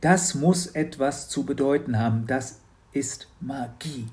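Man reading a gentle, dreamy older woman shopkeeper, warm-hearted, voice raised a little. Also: mid-range voice, a little slow, natural voice. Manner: gentle, musing.

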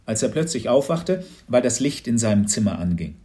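Man reading a kids story, super lively up and down, mid voice. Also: mid-range voice, fairly quick. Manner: lively, expressive. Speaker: narrator.

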